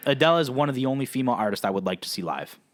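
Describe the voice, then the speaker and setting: A man's voice: medium pitch, animated, racing, no echo. Laid-back man in his twenties, dry sound. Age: 20s. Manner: laid-back, laughs often, repeats "that's nuts". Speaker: podcast co-host. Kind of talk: casual chat.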